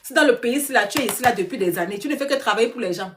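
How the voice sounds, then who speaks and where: A woman coach on a live stream, exhorting her viewers directly and dropping English phrases into her preachy sales pitch. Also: expressive, very fast, fairly bright tone, slight background noise. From Africa. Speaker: online business coach.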